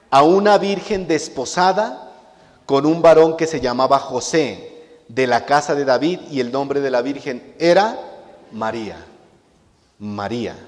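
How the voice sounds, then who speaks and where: A male pastor preaching a sermon to his congregation, emphatic and full of rhetorical questions, often repeating a key word for weight. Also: on the high side. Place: church hall. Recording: long hall reverb.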